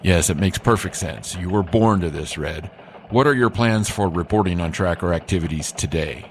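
A man's voice: low voice, moderate pace, slight background noise. A man playing an earnest Christmas elf who anchors a scripted mock radio newscast with formal courtesy. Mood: curious, agreeable. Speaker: news anchor.

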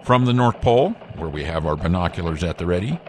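Christmas elf newsreader, male actor, low-pitched, very animated, formal announcer style, upbeat holiday radio skit, noisy vehicle ambience. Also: fast talker. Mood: bright, announcing. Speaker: news anchor. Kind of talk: scripted holiday radio newscast.

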